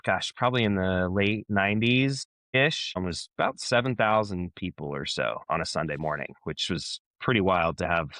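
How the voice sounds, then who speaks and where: Low-voiced man telling easy stories. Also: normal speed, few pauses, fairly bright tone, dry recording. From Southern Oregon, USA. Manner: easygoing storytelling with many restarts. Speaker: guest musician. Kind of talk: casual chat.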